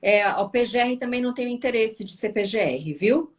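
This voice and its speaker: With a high-leaning, animated voice and a fairly quick pace, a weary woman from Brazil chats on a casual live stream, responding to viewers and tossing in tag questions often.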